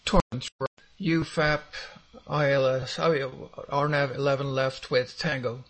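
A male pilot makes short aviation radio calls in standard phraseology. His voice has a medium pitch for a man. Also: flat delivery, a little slow, a bit bright, poor audio.

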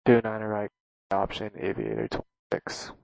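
Gravelly pilot over the radio. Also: male voice, lowish voice, sing-song, normal speed, a little mellow, dry recording. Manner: terse, clipped readbacks. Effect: pilot's voice over the aircraft radio. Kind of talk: radio phraseology. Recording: dull lo-fi radio transmission.

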